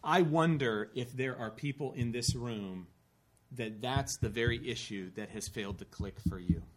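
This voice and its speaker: A man's voice: mid-range voice, moderate pace. Man preaching an earnest sermon. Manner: earnest storytelling with rising emphasis and dry asides. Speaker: pastor. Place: church.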